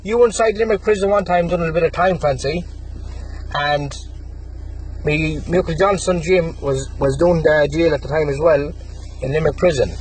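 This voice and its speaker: A man's voice: on the high side, moderate pace, a little mellow, a little hiss or hum, poor audio. A young Irish man in his twenties, delivering an aggressive, taunting callout rant and threatening a rival. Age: 20s. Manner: aggressive, taunting, threatening, repeats the target's name again and again. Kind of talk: angry callout rant to camera.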